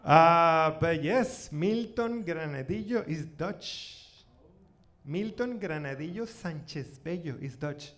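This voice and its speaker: A Venezuelan man with a bright, fairly high, expressive voice does stand-up, his first language being Spanish. He tells conversational stories haltingly, repeating words and peppering them with "you know" and "like," in a noisy live recording from a comedy club stage.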